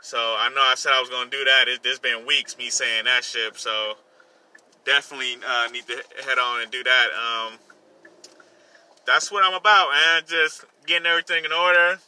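A songwriter hosting his own podcast segment chats solo from the driver's seat, casual and slangy, circling back over the same points. He speaks at a moderate pace in a bright, forceful mid-range voice with fairly even intonation. Faint car noise sits behind him.

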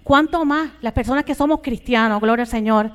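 Speaking a little fast in a smooth voice on the high side, an older Puerto Rican woman preaches. She peppers every phrase with fervent church exclamations and calls on her audience to agree.

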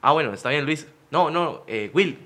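A man with a Costa Rican accent telling a relaxed anecdote in a comedy chat and quoting the dialogue. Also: a little high, moderate pace. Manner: relaxed anecdote-teller who quotes dialogue.

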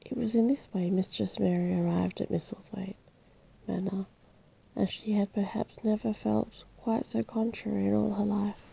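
A woman reading a classic novel aloud slowly and softly as a whispered role-play bedtime story. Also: mid-range voice, flat delivery, gravelly, breathy edge, low-quality recording. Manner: slow, soft bedtime reading.

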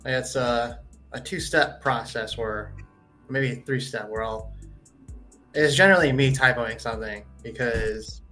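A man, a guest in a casual interview, telling stories in a relaxed, laid-back way. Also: medium pitch, measured pace, soft background music. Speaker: comic writer, guest.

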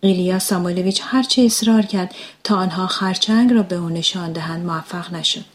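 A woman narrating a story aloud in calm audiobook style. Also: lowish voice.

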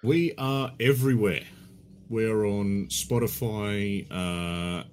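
A man's voice: fairly low pitch, takes it slowly, a little mellow, clean tone. A middle-aged Australian man chatting casually as a podcast guest in a laid-back, blokey, matey way. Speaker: podcast guest and gaming podcast host. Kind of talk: casual chat.

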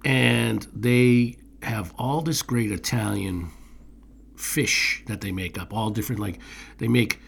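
A man's voice: on the low side, takes it slowly, creaky, a bit bright, a little hiss or hum. A man co-hosting a food show, chatting enthusiastically and rambling with many restarts. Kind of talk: casual chat.

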